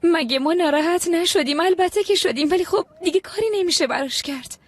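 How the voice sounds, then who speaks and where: A woman's voice: very high-pitched, no room sound. An actress playing an eager young daughter pleading with her father, in a dubbed TV drama.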